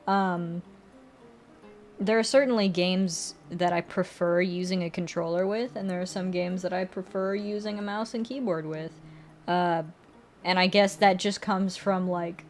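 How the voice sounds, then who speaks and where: A woman's voice: on the low side, a little slow, darkish tone, soft background music. A young woman streamer chatting casually while drawing, rambling and correcting herself, often laughing.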